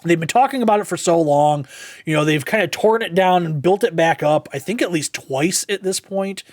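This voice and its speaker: Young male podcast host, casual rambling delivery, slightly high voice, dry booth sound. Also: normal speed, no room sound. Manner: rambling, frequent fillers and restarts. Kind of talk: casual gaming news commentary.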